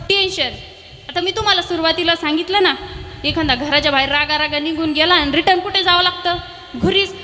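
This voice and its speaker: A woman's voice: very high voice, sharp tone, long reverb tail, slight background noise. A woman kirtan preacher telling a humorous devotional story, with teasing asides to the audience. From Maharashtra, India.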